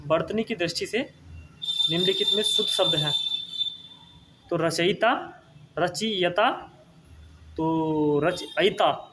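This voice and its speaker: Male tutor, higher register, methodical quiz walkthrough, repeats words and checks in. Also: background noise. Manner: repeats words, asks and answers, tag "ठीक है ना". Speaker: teacher. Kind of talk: exam-prep spelling lesson.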